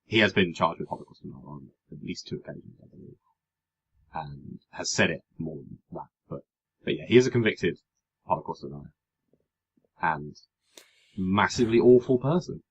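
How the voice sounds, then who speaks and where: A man's voice: low voice, animated, moderate pace, creaky, pauses often, breathy edge, muffled recording. A man co-hosting a podcast, chatting casually and wryly about politics, rambling with hesitant fillers. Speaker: podcast co-host.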